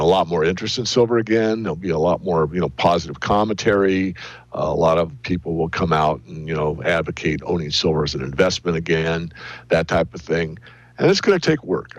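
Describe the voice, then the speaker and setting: A man answering interview questions in a deliberate, hedging, analytical way. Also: deep voice, dry recording, muffled recording. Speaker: interview guest, silver analyst.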